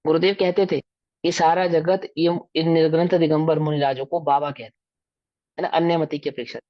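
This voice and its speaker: A man's voice: a little high, fairly even intonation, brisk, no room sound. Brief: male scripture teacher, Hindi accent, asks and answers his own questions, dry lo-fi sound. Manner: explanatory, asks the listeners questions and answers them. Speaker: religious teacher. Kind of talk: scriptural lecture to a class. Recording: dull dry lo-fi recording.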